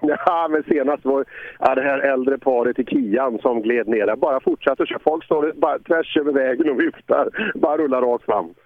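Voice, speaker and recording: A man's voice: mid-range voice, no room sound, narrow, tinny audio. A man doing live rally commentary, chatty with a dry sense of humor.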